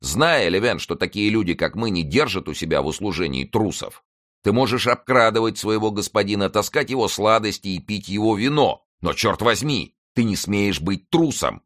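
A man playing a wily, commanding middle-aged musketeer with a brisk, blustering manner. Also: sits low, fairly bright tone, pitched above the performer's own voice.

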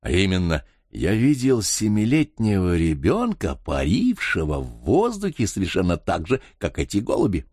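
A worldly middle-aged doctor, read by a male audiobook narrator, explaining in a slow, measured lecturing way. His pitch moves with lively emphasis, and the recording is dry. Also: husky, dry recording, heavily acted. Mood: earnest.

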